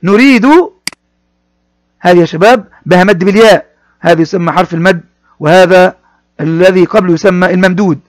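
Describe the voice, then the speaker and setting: High-voiced male teacher, patient and repetitive. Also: no room sound. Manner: explains each word slowly, addressing pupils, repeating phrases. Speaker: primary school teacher. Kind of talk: classroom reading lesson.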